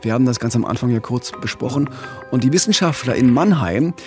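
A middle-aged man co-hosts a true-crime podcast, narrating conversationally in an animated, fairly quick, medium-pitched voice with a darkish tone. He's in a small radio studio on a studio microphone with a pop filter and headphones, with soft music in the background.

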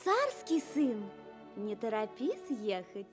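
An actress playing an alluring, commanding young maiden temptress, coaxing theatrically in a Russian fairy tale dramatisation. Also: female voice, fairly high pitch, sing-song, slow pace, over music.

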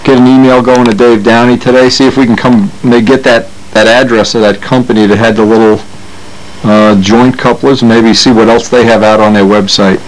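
This model airplane channel host speaks a bit quickly in a steady, medium-pitched voice. He wanders through his home workshop showing off parts, chatting loosely and often breaking off to begin sentences again, captured in low quality with some background noise.

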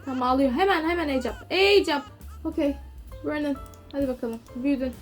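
High-voiced woman chattering over gameplay. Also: fairly quick, faint music behind. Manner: chatty, exasperated, scolding game characters. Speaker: gaming YouTuber. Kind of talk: casual gameplay commentary.

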